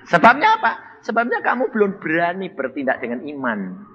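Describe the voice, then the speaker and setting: A man's voice: sits high, normal speed. An older man preaching a sermon, telling stories and acting out the voices of the people in them. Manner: animated storytelling preacher, acting out quoted voices. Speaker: pastor. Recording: dull lo-fi sound in a reverberant hall.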